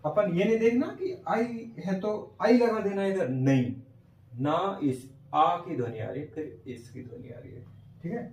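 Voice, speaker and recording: A male teacher giving a classroom lesson on phonetic transcription, slowly sounding out words and often checking whether students follow. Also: sits high, darkish tone, slight background noise. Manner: slow, repeats sounds and checks understanding often. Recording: echoey room from far off.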